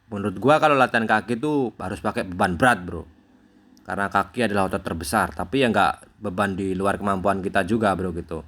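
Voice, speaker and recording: A man's voice: sits low, brisk, a bit bright. A young man narrating a casual gym vlog like a gym bro, addressing the listener as bro all the time. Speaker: fitness content creator.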